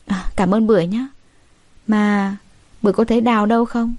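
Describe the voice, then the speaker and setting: A woman's voice: mid-range voice, fairly even intonation, fairly quick, a little mellow, dry recording, lightly acted. A woman voicing a wronged young bride who speaks politely but with indignation.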